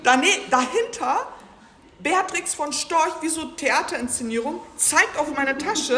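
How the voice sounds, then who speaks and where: A woman speaking as a guest at a public talk, telling an animated, slangy anecdote and acting out the dialogue. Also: high voice, heavy background noise. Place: museum event space. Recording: roomy hall sound.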